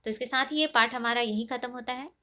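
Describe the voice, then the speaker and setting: A woman's voice: on the high side, fast, sharp tone. A woman teacher taking a young class through a lesson, asking questions and then answering them herself in a patient way, with English words mixed in. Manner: patient, asks and answers her own questions; mixes English words into her speech. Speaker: primary school teacher.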